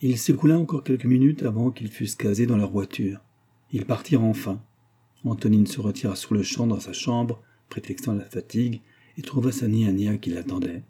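A man reading a classic novel aloud in a measured, even storytelling manner. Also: on the low side, husky. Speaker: audiobook narrator. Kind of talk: scripted narration of a classic novel.

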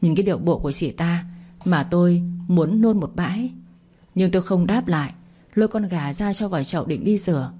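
A woman narrating a bedtime story in the first person, calm and even. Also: fairly low pitch, brisk, breathy edge.

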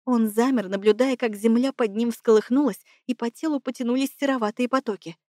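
A woman narrating a first-person fantasy audiobook in a steady, expressive reading. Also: a little high, a little fast, no echo, clean studio sound.

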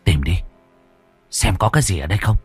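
A man's voice: sits low, expressive, fairly quick, breathy edge, soft background music, full character voice. A man doing a harsh scolding burglar woman. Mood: scornful. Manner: snapping, grinding scold.

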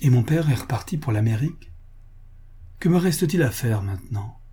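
A male narrator reading a literary story aloud in a measured, expressive way. His voice is husky and dark, at a middle pitch. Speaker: audiobook reader.

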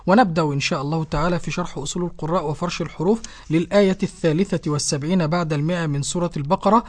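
A man's voice: fairly high pitch, racing. A man presenting a Quran readings program and respectfully answering the sheikh's questions as his student. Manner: respectful, recites rule codes from poems.

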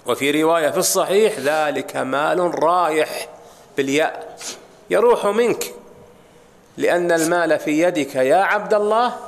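Man, religious lecture, somewhat raised gravelly voice, rhetorical questions, long hall reverb. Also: fairly high pitch, animated, moderate pace. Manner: explanatory, asks rhetorical questions and addresses listeners directly. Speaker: Islamic scholar teaching. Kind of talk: religious lecture explaining hadith.

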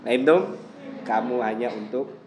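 A man giving a lively religious lecture, telling everyday stories and acting out quoted voices. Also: medium pitch, moderate pace. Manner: animated storytelling, acts out quoted voices. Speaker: preacher. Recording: echoey hall with faint ambience.

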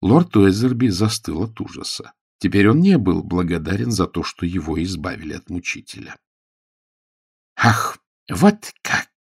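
A man narrating an audiobook with a lively, expressive reading. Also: low-pitched, moderate pace, creaky, few pauses, slightly rough, no echo, studio quality.

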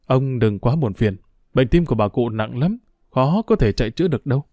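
A calm village doctor delivering hard news in a grave, matter-of-fact way in a spoken storybook, voiced by the male narrator. The tone is warm and the recording close and dry. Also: medium pitch, brisk, no echo, close to an everyday voice.

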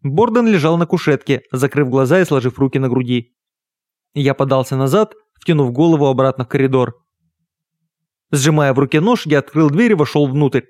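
A man narrating a first-person literary audiobook in a measured, even storytelling manner on a close studio mic. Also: medium pitch, no echo.

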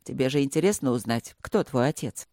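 A woman's voice: very deep voice, lively intonation, brisk, warm tone, dry recording, clean studio sound, voice pushed down. A woman voicing a smug, good-looking man who blackmails a family, speaking with swagger in a story reading. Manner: swaggering, then panicky.

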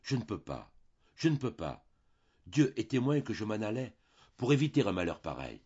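A man voicing a gentle, pained young woman shop clerk in an audiobook reading, pleading in broken phrases. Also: fairly low pitch, sing-song, normal speed, breathy edge. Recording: dull lo-fi recording.

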